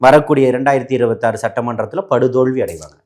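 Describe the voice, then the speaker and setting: A man's voice: mid-range voice, darkish tone. A man arguing in a heated political debate, mocking and talking over his opponent. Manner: mocking, rapid-fire, interrupting.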